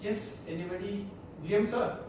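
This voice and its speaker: A man's voice: high voice, fairly even intonation, moderate pace. Malayalam-accented male trainer in an echoey room. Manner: rhetorical questions, checking that listeners follow. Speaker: corporate trainer leading a discussion session. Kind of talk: interactive training talk to an audience. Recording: echoey room, distant mic, loud background noise.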